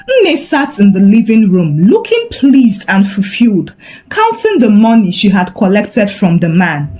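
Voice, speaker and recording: A woman with a medium-pitched voice narrates a scripted folktale, telling it in a dramatic, expressive way.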